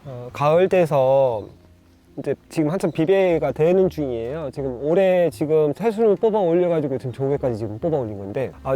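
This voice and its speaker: Halting bonsai grower with a mellow voice. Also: male voice, on the high side. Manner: halting, many fillers and restarts, pointing things out. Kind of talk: casual instructional demonstration.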